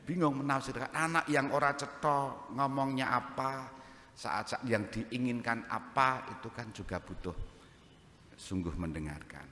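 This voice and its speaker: Javanese-accented priest in an echoey church. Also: male voice, medium pitch, unhurried, pushed and bright, slight background noise. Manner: joking, conversational preaching mixed with local phrases. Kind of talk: homily.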